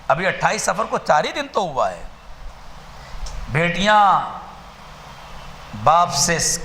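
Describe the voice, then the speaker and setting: High, gravelly man preaching a mourning sermon. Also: a little hiss or hum. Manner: dramatic storytelling that swells into wailing, shouted lament. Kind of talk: Urdu majlis sermon of mourning. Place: mourning gathering at a shrine.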